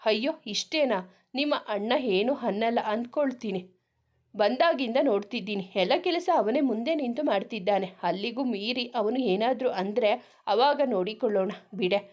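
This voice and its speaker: A woman's voice: a little high, normal speed, darkish tone, lightly acted. Woman doing a joking young husband in a story, easygoing and reassuring.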